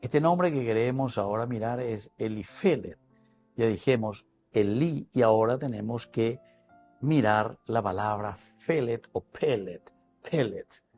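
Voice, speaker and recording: A man's voice: mid-range voice, unhurried, darkish tone, soft background music. A man with a Paraguayan Spanish accent, a priest giving a teacherly Bible reflection on television. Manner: explanatory, teacherly.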